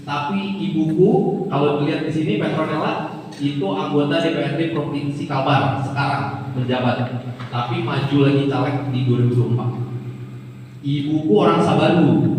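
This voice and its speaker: A man's voice: moderate pace, a little mellow, a little hiss or hum. A man in his thirties from Jakarta, speaking casually to a student audience in a large hall with a heavy cathedral-like echo, often repeating words for emphasis. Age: 30s. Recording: booming hall echo from a distant mic.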